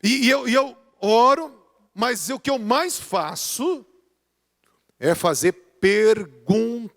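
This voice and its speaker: High-voiced man preaching in a hall. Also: expressive, slow pace, bright, forceful tone. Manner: earnest, emphatic preaching with rising and falling delivery. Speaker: pastor. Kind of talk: sermon teaching. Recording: reverberant hall.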